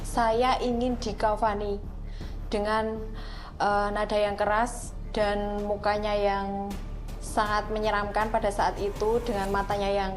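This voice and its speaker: A woman's voice: medium pitch, completely flat delivery, unhurried, soft background music. A woman recalling an event in careful, formal wording. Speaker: interviewee. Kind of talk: formal recollection.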